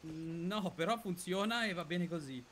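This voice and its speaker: Higher-voiced man coaching a game. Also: moderate pace, a bit bright. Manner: coaching, step-by-step instructions. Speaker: gaming video co-host. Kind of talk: casual gameplay commentary. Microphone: close desk microphone with headset.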